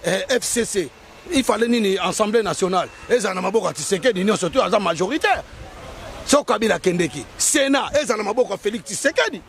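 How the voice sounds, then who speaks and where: A man's voice: high voice, expressive, fast, gravelly, a little hiss or hum. A man with a Congolese French accent, talking politics in a heated, emphatic way and repeating his points. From Democratic Republic of the Congo. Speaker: guest.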